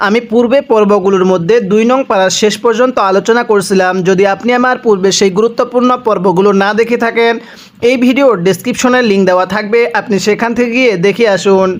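A man with a Bangladeshi Bengali accent teaching Quran recitation, spelling out each syllable and then reciting the word slowly. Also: high voice, fairly even intonation. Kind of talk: step-by-step spelling and recitation lesson.

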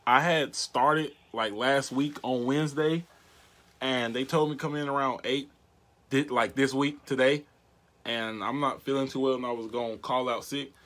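A young American man speaks casually at a medium pitch. His delivery is slangy and halting, like someone prank-calling for a video, recorded indoors in a small bedroom. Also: fairly even intonation, a bit bright. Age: 20s. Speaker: prank caller and video host. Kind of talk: casual prank vlog, speaking to phone and camera. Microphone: device mic at arm's length.

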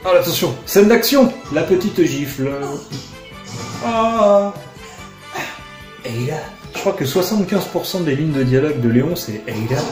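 Man, let's play commentary, sarcastic jokes, slightly high voice, roomy sound, game music behind. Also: a little slow. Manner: joking, sarcastic, excitable outbursts. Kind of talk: casual gameplay commentary.

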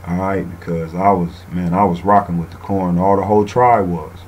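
A man with a very low voice hosts a laid-back radio talk show. He reads a passage aloud, then riffs on it casually in his own words, often tagging his lines with "man." A faint hiss sits under his voice. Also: fairly even intonation, moderate pace, a little mellow, poor audio.

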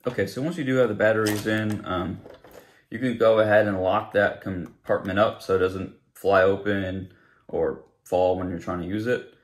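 In a living room, a young adult man gives a casual, unscripted product review, explaining things in a plain-spoken way. His voice is lowish and steady, at a normal speed.

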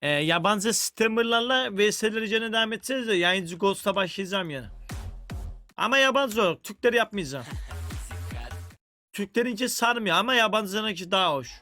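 A man's voice: high voice, expressive, brisk, bright, forceful tone, dry recording, faint music behind. A man chatting casually on a game livestream, joking around and swearing constantly. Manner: crude, profane, joking banter. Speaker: game streamer.

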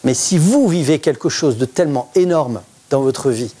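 A middle-aged pastor preaching a sermon in church, lively and conversational, often asking the congregation questions. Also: male voice, medium pitch, moderate pace, slightly rough. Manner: interactive, asks the congregation questions.

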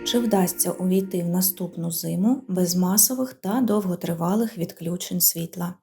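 A woman interviewer reading out prepared questions in a measured way. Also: fairly low pitch, mellow, faint music behind.

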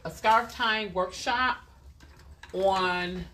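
A woman's voice: mid-range voice, drawn-out words, pushed and bright, a little hiss or hum. A woman hosting a casual live clothing sale from a boutique, chatty and repeating item numbers and prices. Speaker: host selling clothes on a live stream.

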